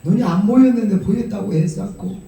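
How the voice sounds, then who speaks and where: Gravelly Gyeongsang pastor in echoey hall. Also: male voice, sits high, a little fast, recorded from a distance. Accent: Gyeongsang Korean. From Gyeongsang region of Korea. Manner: lively storytelling preacher, acts out quotes. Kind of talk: sermon. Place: prayer retreat hall.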